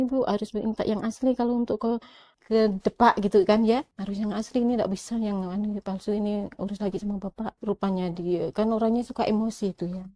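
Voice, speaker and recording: Middle-aged woman, warm mellow voice, dry close sound, retells arguments line by line in casual interview talk. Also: medium pitch, no echo. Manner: retells arguments by quoting both sides in dialogue; conversational, with many restarts and asides. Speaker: interviewee telling her conversion story. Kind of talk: casual personal storytelling.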